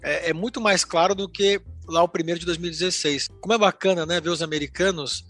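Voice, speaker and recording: Man, Brazilian Portuguese accent, podcast host, opinionated, bright tense voice, higher pitch. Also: fairly even intonation, quick pace, soft background music. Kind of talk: casual film review chat.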